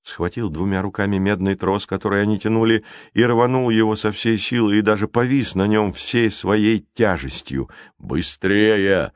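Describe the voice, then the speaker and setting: Low-voiced man narrating a storybook. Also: no echo, clean studio sound. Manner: measured, dramatic reading. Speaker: audiobook narrator.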